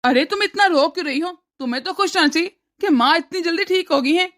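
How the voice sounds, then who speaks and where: A woman's voice: very high voice, fast talker, fairly bright tone. A woman voicing a caring young cartoon husband. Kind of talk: cartoon voice acting.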